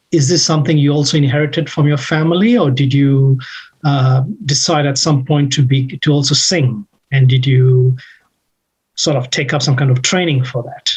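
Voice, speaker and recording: A man's voice: fairly high pitch, slightly rough. A man raised in Malaysia, hosting an interview, listening closely and asking long, careful questions. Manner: attentive, frequent murmured agreement. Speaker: interviewer, host. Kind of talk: interview conversation.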